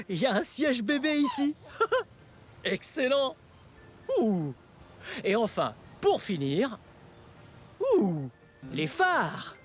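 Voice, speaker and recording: With music in the background, a children's show presenter speaks at medium pitch, amazed and excited, in a playful, exclamatory way. The cheerful, wide-eyed, excitable adult delivers simple lessons for young children at a very unhurried pace, intonation hugely animated, giggling and gasping frequently with exaggerated wonder.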